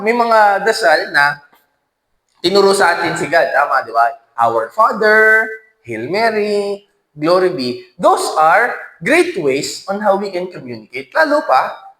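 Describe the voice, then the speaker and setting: A man's voice: high-pitched, roomy sound, low-quality recording. A man giving a church teaching talk, telling stories and often asking the audience questions. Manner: animated storytelling with frequent questions to the audience. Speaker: speaker at a faith formation session.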